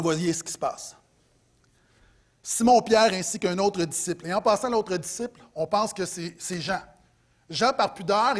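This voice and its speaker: A middle-aged pastor with a Quebec French accent preaches a sermon in a voice that sits high. He's animated, swinging between loud emphasis and soft asides.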